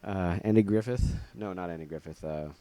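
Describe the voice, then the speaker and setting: A man's voice: low voice, brisk, dark tone, smooth, no echo. A man casually showing off his laserdisc collection, jokey and rambling, with puns and asides. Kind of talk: casual show-and-tell vlog.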